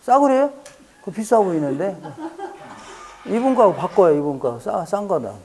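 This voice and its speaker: A man's voice: sits high, lively intonation, moderate pace, mellow. A man teaching a live class to exam students. He repeats key phrases, keeps checking that everyone is following, and jokes lightly with the students. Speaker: exam prep lecturer. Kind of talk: classroom lecture.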